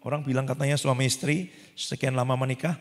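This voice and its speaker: A man preaching a sermon as pastor, animated and acting out the people he quotes. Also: mid-range voice, fast talker. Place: church hall. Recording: long church hall reverb.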